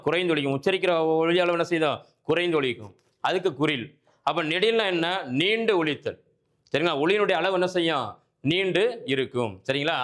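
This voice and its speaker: A man's voice: on the high side, a bit bright. A man teaching a grammar lesson, asking questions and answering them himself, repeating key points and often checking that listeners follow. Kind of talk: exam-prep grammar lesson.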